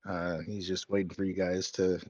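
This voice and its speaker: A man's voice: deep voice, flat delivery, moderate pace, darkish tone, no room sound. A man playing a tabletop game who describes his character's actions in a rambling, easygoing way, heard through a dull lo-fi mic. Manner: rambling, laughing easily. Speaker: player.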